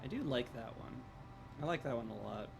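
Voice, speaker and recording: Man, hoarse smoker's rasp, medium pitch, casual game streamer, rambling and wry, music playing behind. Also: expressive, brisk. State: strained, hoarse throat. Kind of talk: casual live gameplay commentary.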